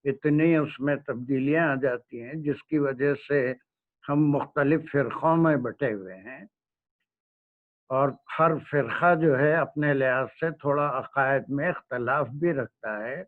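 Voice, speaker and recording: Slow-speaking man in a tinny lecture recording. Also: medium pitch. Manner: slow, searching for words. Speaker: Quran lecturer. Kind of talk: religious lecture.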